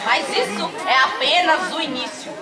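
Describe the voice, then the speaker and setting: A woman's voice: sits high, animated, normal speed. A woman playing an earnest, fussy inventor's assistant in a declamatory children's stage play. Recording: distant echoey stage, loud music and crowd.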